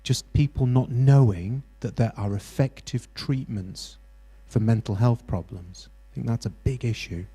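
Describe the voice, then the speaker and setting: A British man runs an interactive mental health workshop in a university hall, encouraging the group but halting often with many restarts. His voice is medium-pitched, dark in tone and slightly rough.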